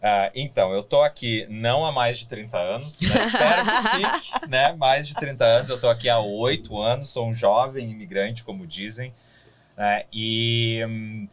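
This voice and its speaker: A man in his thirties from Brazil, a city hall staffer answering interview questions in a measured, explanatory way in a podcast studio. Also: mid-range voice, expressive, a bit bright. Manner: measured, explanatory, frequent "né" tags. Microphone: boom-arm studio mic.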